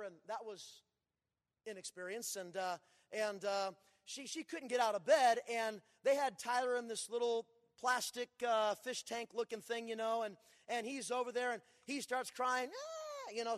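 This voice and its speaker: A man in his forties preaching a sermon in a church, telling folksy stories and swinging from loud to hushed. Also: extremely high pitch, steady tone, normal speed. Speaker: pastor. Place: church sanctuary. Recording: long church reverb.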